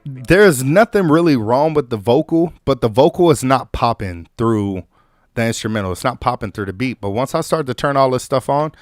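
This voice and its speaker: A man hosting a music production tutorial in a loose, conversational way, full of fillers and restarts, his voice still a little hoarse from an illness. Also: mid-range voice, animated, normal speed, no echo. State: recovering from illness, slightly hoarse. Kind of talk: casual on-screen tutorial.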